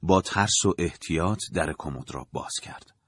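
Deep husky guy reading a story out, measured and dramatic, varied intonation. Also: a bit bright, no echo. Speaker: narrator. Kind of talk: scripted audiobook narration.

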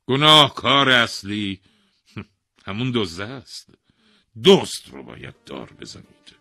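A man's voice: lowish voice, huge pitch swings, vocal fry, pushed and bright, no echo, studio quality, voice pushed up, heavily acted. A man doing an emphatic storybook advisor. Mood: decisive.

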